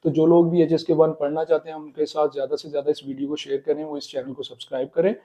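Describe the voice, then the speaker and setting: A man explaining Chinese pronunciation in a casual spoken lesson, repeating words slowly. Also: fairly high pitch, level tone, mellow, dull audio. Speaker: Chinese language teacher.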